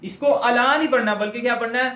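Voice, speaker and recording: A man teaching Quran recitation step by step. He asks his own questions and answers them, and he draws out words slowly to demonstrate them. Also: very high voice, a bit bright, roomy sound.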